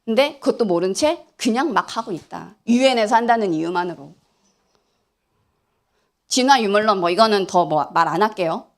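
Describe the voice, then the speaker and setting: A woman giving an animated lecture at church, asking the audience questions and acting out what people say. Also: medium pitch, moderate pace. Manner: animated, asks the audience questions, acts out quotes. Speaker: church lay speaker. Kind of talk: lively church lecture to youth. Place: church hall.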